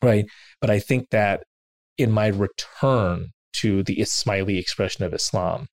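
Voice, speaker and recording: A man with a low-pitched voice tells a personal story in an earnest, self-deprecating way. The sound is dry and close, with no room around it. He animates the quoted asides as he hosts the interview. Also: measured pace, no room sound. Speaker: interviewer and podcast host.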